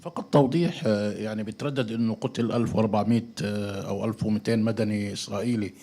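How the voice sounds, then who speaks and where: Rapid, husky man. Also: fairly low pitch, fairly even intonation, warm tone.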